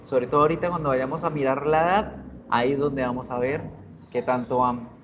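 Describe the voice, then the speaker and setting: A man's voice: medium pitch, steady tone, a little fast. A man teaching a video English class, patiently repeating words for students to drill. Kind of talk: bilingual video class lesson. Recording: dull lo-fi recording with faint noise.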